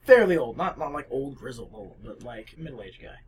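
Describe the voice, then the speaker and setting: A young man in casual chat with friends, rambling and excitable and often laughing. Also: mid-range voice, moderate pace, a little hiss or hum.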